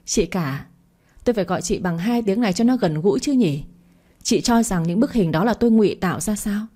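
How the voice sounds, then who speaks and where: A woman's voice: medium pitch, animated, moderate pace, warm tone, breathy edge. A woman voicing a cruel, sneering mistress who taunts mockingly in a storybook reading. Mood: taunting.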